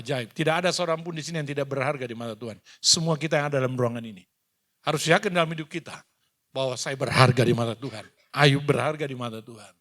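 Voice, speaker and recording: A male pastor preaching a sermon, retelling scripture with animated acted-out dialogue. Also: fairly high pitch. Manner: animated storytelling, acts out dialogue. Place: church hall.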